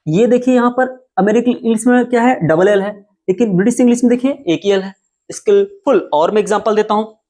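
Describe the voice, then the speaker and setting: A man teaching English at a whiteboard who explains step by step, spells words out letter by letter and repeats them slowly. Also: sits high, warm tone. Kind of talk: whiteboard lesson. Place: classroom with whiteboard.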